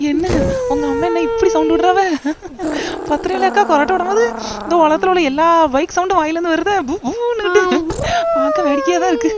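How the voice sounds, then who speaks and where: A woman voicing a playful, meddling village aunt in a cartoon, talking loudly with a Tirunelveli Tamil accent. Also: extremely high pitch, animated, quick pace, very noisy. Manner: loud, playful, coaxing. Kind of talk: cartoon voice acting.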